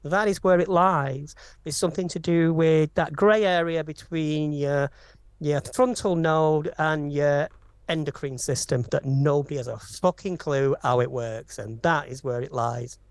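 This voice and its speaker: A woman's voice: low-pitched, steady tone, unhurried, a little mellow, clear, resonant tone, dry recording. A woman co-hosting a live chat podcast, talking in an emphatic, opinionated way and swearing now and then. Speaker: podcast co-host.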